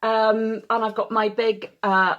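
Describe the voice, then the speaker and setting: A Welsh woman leads a choir from home, speaking slowly at a fairly high pitch with a level, fairly bright tone. The sound is lo-fi, with a faint keyboard behind her as she chats casually to camera, self-deprecating and full of ums.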